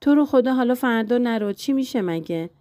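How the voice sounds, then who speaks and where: Narrator as sulky young wife; begging, stubborn, close dry read. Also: female voice, on the high side, lively intonation, dark tone, no echo, voice pushed up, close to an everyday voice. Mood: pleading. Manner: pleading, stubborn.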